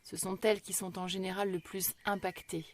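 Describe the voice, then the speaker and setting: Leading a guided relaxation session, a yoga nidra teacher speaks in a mid-range voice with slight hiss or hum in the background. Her delivery is slow and measured, with long pauses, gentle, soothing, and calm throughout.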